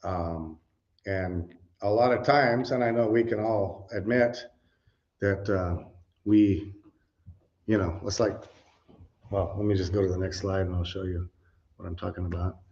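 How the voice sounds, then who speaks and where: His voice sits low and darkish, steady in tone and a little slow, with long pauses. This middle-aged man preaches a conversational teaching sermon with slides, often saying "you know" and asking questions of an audience that answers back in a church meeting room. The recording is dull and lo-fi.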